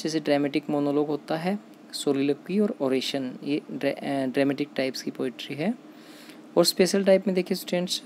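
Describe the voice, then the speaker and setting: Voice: medium pitch, darkish tone, slight background noise. Indian-accented teacher drilling students. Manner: asks questions and answers them herself; repeats key terms, often calls out to students. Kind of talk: exam-prep lecture.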